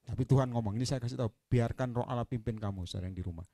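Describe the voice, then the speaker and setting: A man with an Indonesian accent touched by Javanese, preaching a sermon as an evangelist and telling stories animatedly, moving from quiet asides to loud proclamations. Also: mid-range voice, racing, dry recording, clean studio sound.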